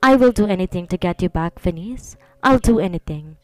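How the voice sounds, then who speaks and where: A woman's voice: fairly low pitch, lively intonation, normal speed, darkish tone, no echo, faint music behind, lightly acted, low-quality recording. A woman voicing a coaxing young husband. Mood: pleading. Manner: coaxing, teasing, then apologetic. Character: young husband pleading with his wife. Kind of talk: storybook reading.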